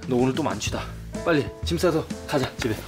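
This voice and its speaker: Guy acting as exasperated young dude in a movie, soft-hearted, grumbly, voice goes up and down a lot. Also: mid-range voice, expressive, a little fast, over music, close to an everyday voice. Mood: coaxing, weary. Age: 20s. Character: exasperated, soft-hearted young man looking after a female friend. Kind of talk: naturalistic Korean film acting.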